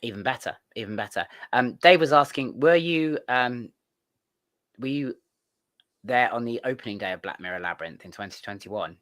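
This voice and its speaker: A man's voice: mid-range voice, expressive, normal speed, a bit bright, no echo. A man hosting a casual studio interview, talking in a rambling, earnest way. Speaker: podcast host.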